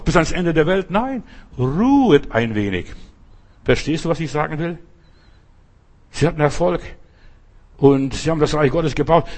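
A man preaching a sermon, repeating key phrases and slowing down to stress them. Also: on the high side.

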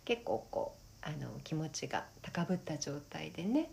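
A woman co-hosting a casual wellness podcast, speaking gently and haltingly, often checking for agreement. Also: low voice, sing-song, vocal fry. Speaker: podcast co-host. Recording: noticeable background noise.

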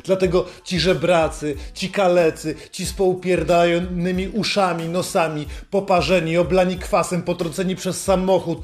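A man's voice: sits high, flat delivery, moderate pace, few pauses, faint music behind. A man delivering a sarcastic, mocking rant, swearing constantly and scolding the listener. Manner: mocking, heavily profane, scolding.

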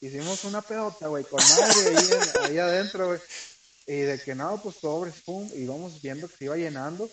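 A man's voice: a little high, brisk. A young man with a Mexican accent, co-hosting a casual podcast with a friend and telling crude, slang-heavy stories. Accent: Mexican Spanish. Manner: crude slang-filled storytelling. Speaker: podcast co-host. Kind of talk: casual chat among friends. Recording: slightly distant mic, faint hiss.

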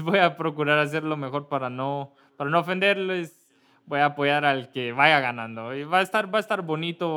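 A man from Kentucky, a pastor giving casual church announcements, halting and correcting himself often. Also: on the high side, bright, forceful tone, clean tone. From Kentucky, USA. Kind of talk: church announcements before a service.

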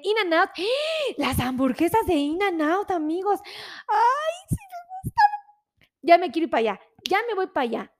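A woman from Mexico hosting a casual live stream, chatty and exclamatory, greeting viewers by name. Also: high voice. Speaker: livestream host greeting viewers.

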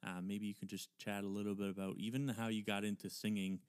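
A man's voice: on the low side, flat delivery, fast talker, smooth, no echo, clean studio sound. A man hosting a podcast in a casual, conversational and effusive way. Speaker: podcast host.

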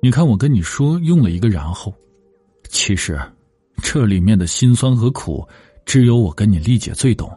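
A man's voice: fairly low pitch, lively intonation, moderate pace, warm tone, husky, no room sound, faint music behind. A man voicing a struggling restaurant-owner husband, reflective.

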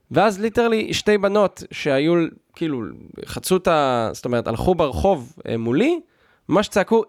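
Guy doing a sarcastic comedy rant, voice jumps all over the place, kinda high, dry sound. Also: no echo. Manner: sarcastic, mock-outraged; loose, talky, many fillers and restarts. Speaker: podcast host.

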